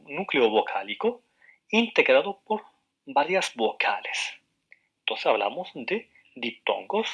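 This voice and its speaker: A man giving a university lecture over the radio, explaining slowly with frequent hesitations, repeated words and questioning tags. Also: fairly high pitch, a bit bright, slightly rough, muffled recording.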